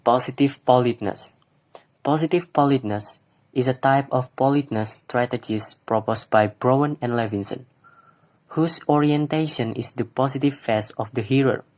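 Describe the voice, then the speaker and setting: This student is a young adult man with an Indonesian accent, speaking at a moderate pace in a medium-pitched, darkish voice. His slide reading is plain, and his explanations, given in Indonesian, come with hesitant fillers.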